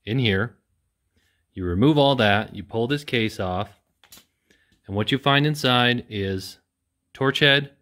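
In an indoor workshop with a corrugated metal wall, a welding video host in his thirties runs a casual how-to repair demo. His voice sits lowish with a bit of brightness, and he talks plainly, poking fun at himself.

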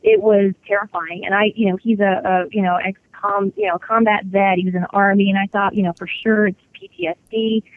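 A woman's voice: medium pitch, steady tone, fairly quick, hardly any pauses, dry recording. A woman telling a personal ghost story in an interview, chatty, with many fillers and restarts. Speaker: interview guest. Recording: phone-line sound.

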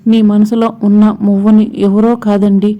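A woman's voice: mid-range voice, level tone, moderate pace, lo-fi sound, close to an everyday voice. A woman voicing an earnest young woman in a TV serial retelling. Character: young woman confessing love joyfully.

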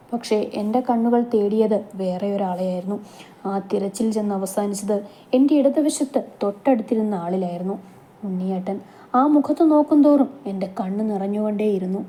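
A woman storyteller narrating a romantic story in a soft, emotional way. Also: mid-range voice.

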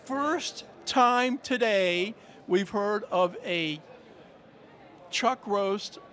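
An older male sports interviewer holds a handheld mic at a football event, conducting friendly sideline interviews with players before an indoor media backdrop. He's folksy, joking, and full of teasing questions. His voice is high-pitched and a bit bright, and he speaks extremely slowly.

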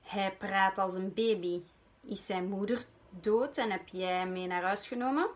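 A woman's voice: mid-range voice, unhurried, natural voice. A Flemish woman voicing a touchy, easily offended female friend of a witch in a read-aloud storybook. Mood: mocking.

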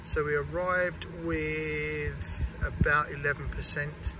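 A man's voice: a little high, steady tone, slow. A man in his forties from England, vlogging casually from inside a small car, rambling with lots of ums. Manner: chatty, rambling with many ums and restarts. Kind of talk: casual vlog commentary. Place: inside a small car, then outdoors by a charger. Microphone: action camera mounted in the car. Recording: distant camera mic with loud road noise.

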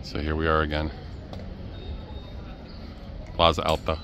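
A travel vlogger walks through city streets, narrating a casual tour to his viewers in an easygoing, chatty way. His bass voice is monotone, unhurried and a bit bright, with faint street and traffic noise in the background.

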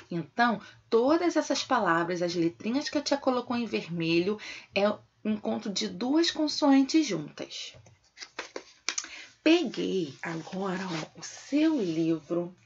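Brazilian woman, primary teacher, slow gravelly delivery with a lively melody and dull home-recorded sound. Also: medium pitch. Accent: Brazilian Portuguese. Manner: addresses pupils warmly as "tia" with diminutives. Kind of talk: remote lesson for young children.

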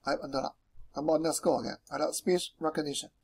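Hong kong guy doing a casual coding screencast, pretty high voice, drops in english tech words. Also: steady tone, fast, creaky, darkish tone, slightly rough. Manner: peppers speech with English technical terms. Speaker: programming tutorial presenter. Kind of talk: informal screencast tutorial explanation.

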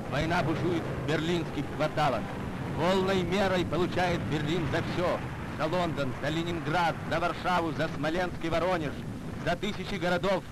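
Declamatory male narrator on an old newsreel. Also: on the high side. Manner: declamatory, solemn and rousing. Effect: old newsreel soundtrack. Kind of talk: 1940s wartime newsreel narration. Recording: loud noisy archive newsreel with battle sounds.

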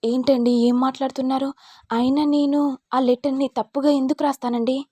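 A woman's voice: high-pitched, flat delivery, normal speed, mellow, slightly rough, no echo. A woman voicing a tearful young wife who pleads politely with her husband. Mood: pleading.

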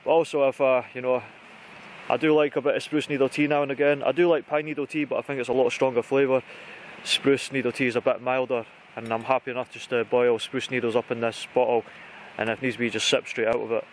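A British man who vlogs outdoors talks quickly and flatly in a mid-pitched voice, chatting informally to camera as he walks through his kit. He's in conifer woodland, and background noise is clearly audible.

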